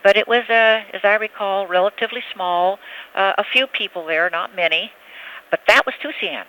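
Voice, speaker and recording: An elderly woman reminiscing haltingly in a telephone interview, often searching for words. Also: medium pitch, highs cut off. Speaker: oral history interviewee.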